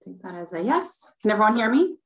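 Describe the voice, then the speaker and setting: Speaking fairly quickly in a medium-pitched voice, a woman who works as a city sustainability manager gives a staff presentation at a public meeting over a group video call. She steadily explains her slides one step at a time.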